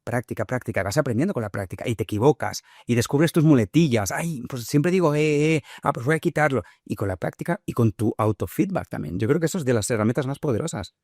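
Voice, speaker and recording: A man's voice: medium pitch, expressive, fast talker, hardly any pauses, a little mellow, no echo, studio quality. A man with a Spain Spanish accent, a guest on an interview podcast, giving advice in a confident, emphatic way. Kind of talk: conversational interview.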